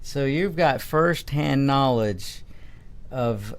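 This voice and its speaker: A man's voice: medium pitch, lively intonation, extremely slow, a little hiss or hum. A man hosts an interview show, eagerly agreeing with his guest and repeating her points back to her. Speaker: talk show host. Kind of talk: casual interview talk.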